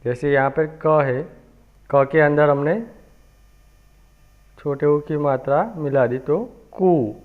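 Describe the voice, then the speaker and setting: A man teaching a children's alphabet lesson, speaking slowly and patiently, repeating each sound for young pupils. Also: a little high, fairly even intonation. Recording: tinny phone-like recording.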